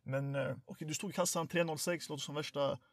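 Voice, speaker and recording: A man's voice: on the high side, fairly even intonation, no echo, studio quality. A young man, a friend chatting casually, teasing and slangy. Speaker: friend listening. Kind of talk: casual chat.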